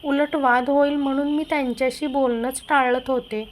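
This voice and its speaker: A woman reading as a calm, hurt young wife. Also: sits high, moderate pace, a little hiss or hum, lightly acted. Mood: pleading. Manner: calm, pleading read-aloud dialogue.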